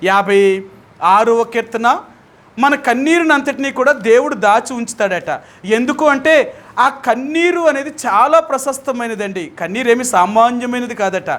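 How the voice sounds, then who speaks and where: A man's voice: very high voice, lively intonation, moderate pace, a bit bright. A man with a Telugu accent leading a Bible study as pastor, who keeps putting questions to his listeners and speaks with emphasis.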